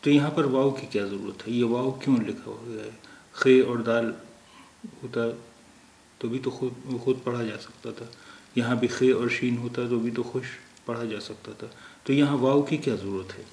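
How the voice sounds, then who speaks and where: A man from India teaching a language lesson, explaining patiently and pausing often to think aloud. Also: medium pitch, steady tone, gravelly, darkish tone. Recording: roomy echo, faint background noise.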